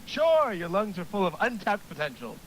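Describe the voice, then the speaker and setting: Man doing a booming, cheery monster gym coach. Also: big pitch swings, moderate pace, a little hiss or hum, low-quality recording. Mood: eager.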